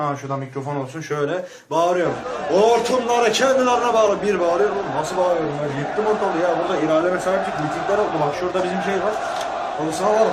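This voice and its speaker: A man's voice: fairly high pitch, slight background noise. A man giving a rambling, crude, mock-serious comic rant, short of breath and muffled by a mask. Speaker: vlogger.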